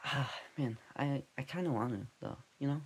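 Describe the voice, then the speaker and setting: Husky rambling man telling a mock crime story. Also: medium pitch, moderate pace, poor audio. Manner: rambling, scatterbrained, goes off on tangents. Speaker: comedic podcast host. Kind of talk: deadpan parody true-crime storytelling.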